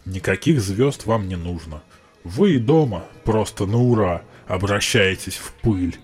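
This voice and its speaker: Sarcastic male robot dog, put on by a man, low sneering drawl, scornful, storybook reading. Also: expressive, a little slow, a little mellow. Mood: snide. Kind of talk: audiobook reading.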